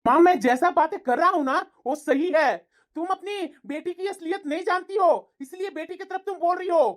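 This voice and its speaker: A stern, suspicious young husband from an animated family tale, as a woman plays him. He accuses sharply, in a voice sitting extremely high. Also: normal speed.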